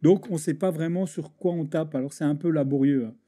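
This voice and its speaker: A man giving a casual software tutorial over a screen recording, hesitant and full of restarts as he clicks through settings. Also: a little high, fairly quick. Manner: hesitant, many restarts and fillers, talks while clicking. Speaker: video editing tutor.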